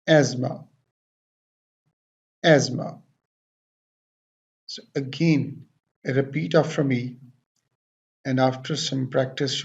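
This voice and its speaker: A man teaching English pronunciation, repeating each word several times in a deliberate way and switching between English and Hindi explanations. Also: mid-range voice, darkish tone, dull audio. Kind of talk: pronunciation lesson.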